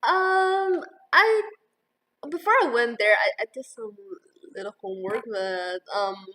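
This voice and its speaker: Her voice a little high with a sharp tone, a Taiwanese-raised student in her 20s hesitates slowly through casual interview answers, often filling gaps with "um" and "like." Mandarin Chinese is her first language, and the audio is poor.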